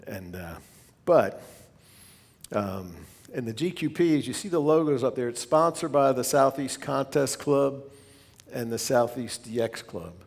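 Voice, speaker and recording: In a big reverberant hall that trails his words with a long echo, a man presents informally to fellow hobbyists like a club member, drifting into asides. His middle-range voice is gravelly with a darkish tone, animated yet unhurried.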